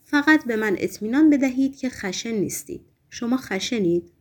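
A woman reading aloud as a nervous, gentle middle-aged male hospital patient who talks in a fussy, reproachful, hushed way, in an audiobook. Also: on the high side, animated. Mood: fretful.

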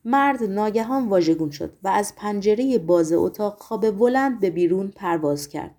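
A woman narrating an audiobook with a steady, expressive reading. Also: mid-range voice.

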